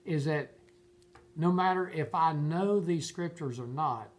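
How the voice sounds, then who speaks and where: In a furnished room at home, a man of about seventy teaches the Bible informally, unhurried and with a fairly high pitch. He's earnest and emphatic, circling back to repeat phrases often.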